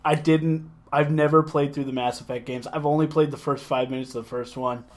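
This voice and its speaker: A man co-hosting a casual gaming podcast, relaxed and chatty, often calling his partner dude. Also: fairly high pitch, fairly quick. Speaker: podcast co-host.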